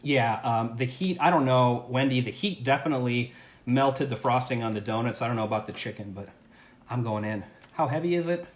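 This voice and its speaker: A man's voice: mid-range voice, a little fast. A man hosting a casual home livestream, talking upbeat and chatty while he tries food, often restarting his sentences. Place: at home, indoors. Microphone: camera or phone mic on a livestream. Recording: echoey room with faint background ambience.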